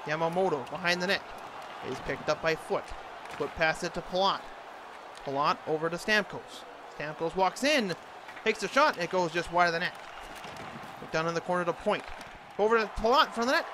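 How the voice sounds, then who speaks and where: A high-pitched male voice, a little fast, does an amateur take on a sports announcer, rattling off hockey action in brief clipped phrases. Ambient background noise is clearly audible throughout.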